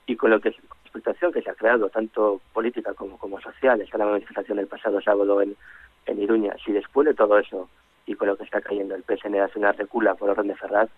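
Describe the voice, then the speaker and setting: Man, low voice, flat delivery, rambling radio commentator, many restarts, phone-line sound. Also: fast, slightly rough, dry recording. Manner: rambling, frequent restarts and fillers. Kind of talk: radio panel discussion.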